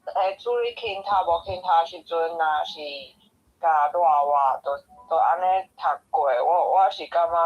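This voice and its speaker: Hesitant taiwanese-accented speaker, super slow, muffled call audio, faint music. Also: medium pitch. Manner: hesitant, searching for words. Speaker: reading group participant. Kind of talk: casual discussion.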